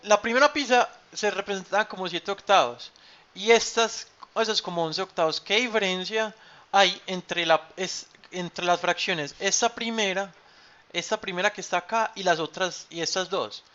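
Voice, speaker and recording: A man's voice: high-pitched, moderate pace, sharp tone. A man teaching an online math class, patient, repeating key terms and checking with "cierto?". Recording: dull lo-fi sound.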